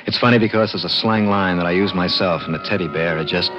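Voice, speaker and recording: A man's voice: low-pitched, quick pace, lightly acted. An actor playing an intense, plain-spoken garage mechanic in his thirties, narrating a vintage radio drama in a slangy, urgent, confiding way. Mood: recounting. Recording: muffled old radio recording with music.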